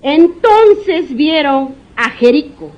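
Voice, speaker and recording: A woman's voice: sits high, animated, slow, a little mellow, muffled recording. A woman pastor preaching a sermon. She asks rhetorical questions, repeats her phrases and sometimes stumbles over names and restarts.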